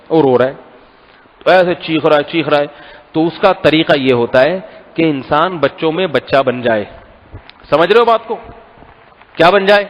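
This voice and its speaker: Hoarse male preacher in an echoing hall. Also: a little high. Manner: humorous, animated storytelling with quoted voices. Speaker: Islamic scholar. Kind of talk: conversational sermon. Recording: reverberant hall, dull lo-fi sound.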